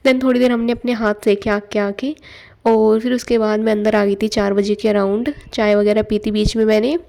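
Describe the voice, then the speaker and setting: A woman's voice: mid-range voice, flat delivery, normal speed, vocal fry, mellow. A young woman narrating her study day in a casual vlog, chatty and loose, mixing in English words. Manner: chatty, loose Hindi-English mix with fillers. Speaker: exam aspirant vlogger. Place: at home.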